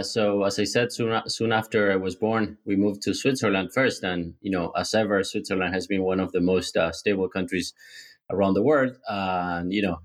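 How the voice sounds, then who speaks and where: A man from Argentina, an entrepreneur guest, telling his life story in a relaxed way. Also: deep voice. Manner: relaxed, many fillers and restarts. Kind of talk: casual interview storytelling.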